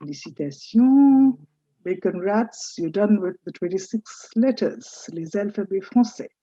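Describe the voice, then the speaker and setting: A woman teaching French in a recorded lecture, saying each letter slowly and stressing its sound. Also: medium pitch, animated, dark tone, no room sound, lo-fi sound.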